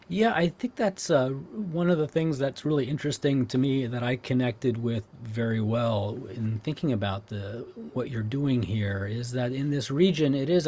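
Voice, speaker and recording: An older man from Southern California interviewing a guest, talking in a relaxed, rambling way with many fillers. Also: medium pitch. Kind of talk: academic interview.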